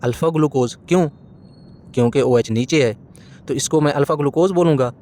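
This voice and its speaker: A man's voice: on the high side, a little fast, darkish tone, slight background noise. A man lecturing on chemistry, walking through a diagram, asking his students questions and answering them himself, often stopping to correct his own slips. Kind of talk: classroom lecture explaining a diagram.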